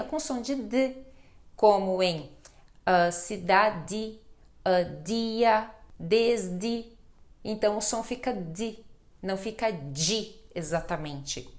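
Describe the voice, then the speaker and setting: A Brazilian woman teaching Portuguese pronunciation, patient and reassuring as she spells out example words. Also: medium pitch. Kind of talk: slow pronunciation lesson.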